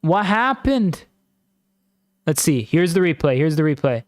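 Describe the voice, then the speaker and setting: A man casually commenting on a football match live for his stream, slangy and excitable, breaking into loud exclamations at big moments. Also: fairly high pitch, a little slow, no echo.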